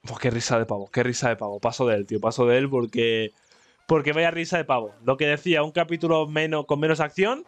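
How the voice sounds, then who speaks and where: A gaming YouTuber with a Spain Spanish accent gives excitable let's-play commentary, reacting loudly and laughing at the game. His voice is mid-range and he talks fast.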